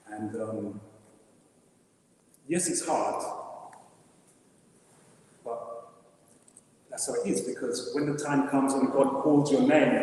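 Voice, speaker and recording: A middle-aged man giving his mother's funeral eulogy, halting and rambling, emotional and trying to hold it together. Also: on the high side, darkish tone. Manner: halting and rambling, restarts a lot. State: emotional, holding back tears. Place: crematorium chapel. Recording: echoey chapel, heard from far off.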